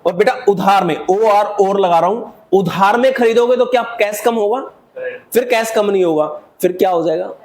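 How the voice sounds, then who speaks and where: A man's voice: high voice, moderate pace, darkish tone. A male accountancy teacher giving a classroom lecture, asking his students questions, answering them himself, and calling them "beta" as he mixes English accounting terms into his talk.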